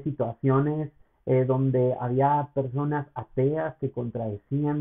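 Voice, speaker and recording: On a sermon podcast, a male pastor gives an earnest, personal message that often turns to speak directly to the listener. His voice is medium-pitched with vocal fry and a slight roughness, and the audio sounds tinny, like a phone.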